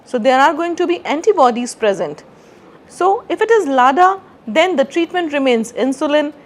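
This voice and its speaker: A middle-aged woman doctor from India, giving a clear, prepared talk as a consultant endocrinologist. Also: high voice, sing-song, normal speed. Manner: clear, explanatory lecturing.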